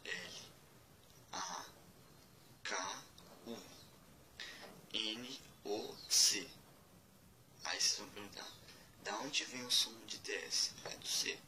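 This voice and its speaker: A man giving a casual spoken lesson, spelling out letters one by one and repeating words slowly. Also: fairly low pitch, background noise. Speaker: language teacher.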